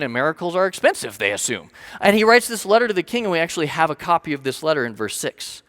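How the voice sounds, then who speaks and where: A man preaching a sermon, retelling a scripture story in a casual, animated way with many "like" fillers. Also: sits high. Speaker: pastor.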